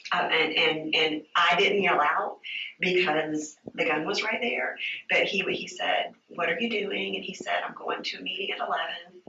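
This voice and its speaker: A woman's voice: on the low side, bright, forceful tone, a little hiss or hum. Shaken woman in a roomy interview tape. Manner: halting, repeats herself, many fillers. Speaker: witness giving a statement. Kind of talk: recounting an ordeal to investigators. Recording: roomy, distant, dull interview-room tape.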